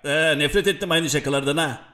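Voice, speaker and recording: A man's voice: on the high side, quick pace, bright, forceful tone. A man giving funny animals and kids a cheeky comic dub voice, mocking and full of exclamations. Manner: mocking, exclaiming, jokey swearing. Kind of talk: comic dubbing of funny videos. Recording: music behind.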